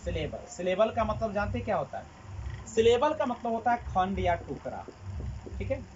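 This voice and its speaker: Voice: mid-range voice, big pitch swings, moderate pace, a little mellow. Classroom teacher, quiz-and-answer delivery, repeats key terms; slightly muffled recording with faint background noise. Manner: asks the class a question, then answers it himself. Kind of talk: classroom lecture with call-and-response questions.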